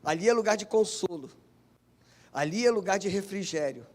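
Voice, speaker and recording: A man with a Brazilian Portuguese accent, a pastor preaching a sermon in church with fervent, repetitive emphasis and drawn-out phrases. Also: high-pitched, expressive, a little mellow.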